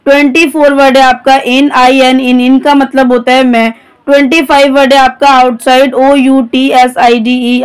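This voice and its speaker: A woman with a high, clear, resonant voice teaches English vocabulary. She spells each word out letter by letter, then explains what it means.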